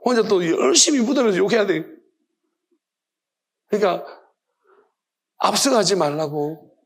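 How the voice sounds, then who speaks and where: Male pastor, gyeongsang accent, high pitch, rhetorical questions, emphatic sermon. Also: expressive, measured pace.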